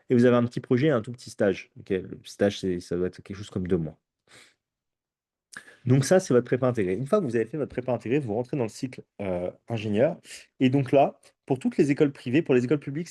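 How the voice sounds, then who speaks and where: A tired-sounding man with a mellow, mid-range voice presents an informational talk to students for a prep course. He explains things at length, hesitates often, and repeatedly checks in with his audience.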